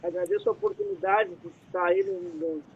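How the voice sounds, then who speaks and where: Over crowd noise, a Brazilian man with a gravelly voice and level tone talks a little fast, hosting a casual live stream from a dim room in a Brazilian Portuguese accent. He rambles, using plenty of fillers. His headset is off, and the computer mic produces muffled lo-fi audio with a faint rumble.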